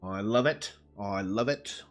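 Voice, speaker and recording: On a livestream, a man with a lowish voice talks at a moderate pace, chatting and making up a story out loud. His style is casual, profane bro slang, fitting a streamer who writes and games. Music plays in the background.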